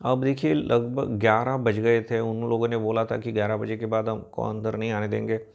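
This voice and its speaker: A man, a spiritual speaker, narrating a moral story in a lively way and acting out the characters. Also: lowish voice, moderate pace, gravelly, muffled recording. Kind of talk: storytelling talk.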